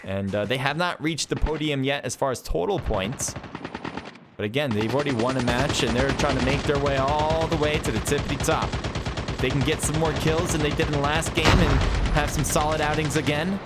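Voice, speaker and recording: A man doing live play-by-play commentary on an esports match, calling action quickly and excitedly with chatty asides to himself. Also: fairly high pitch, very noisy. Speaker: esports caster. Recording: game gunfire and vehicles behind voice.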